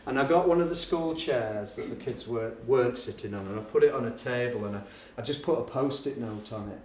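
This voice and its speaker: Speaking a little fast in a mid-range voice, a middle-aged man who teaches and speaks on education tells anecdotes to a live crowd. He's lively and pokes fun at himself, voicing the characters in his teaching stories. Slight background noise, room echo, and distant pickup mark the audio.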